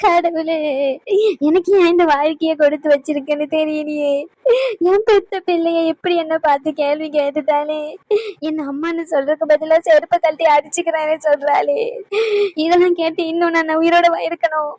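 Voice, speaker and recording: A very high, sobbing old grandmother wails and begs in a cartoon, voiced by a woman. She is self-pitying and dramatic and calls out to God. The sound is dry and close. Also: fairly even intonation, normal speed, darkish tone, no room sound, lightly acted. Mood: wailing. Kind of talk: cartoon voice acting.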